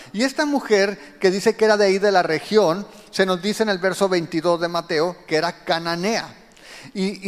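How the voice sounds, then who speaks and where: A man's voice: high-pitched, in a large hall. A man preaching a sermon, explaining scripture and speaking directly to his listeners. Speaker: pastor.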